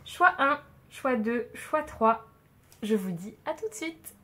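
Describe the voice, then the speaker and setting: In a home room, camera set on a tripod, a woman with a slightly high, animated voice reads tarot cards slowly for her viewers. Her casual manner is chatty and reassuring, full of fillers and gentle laughter.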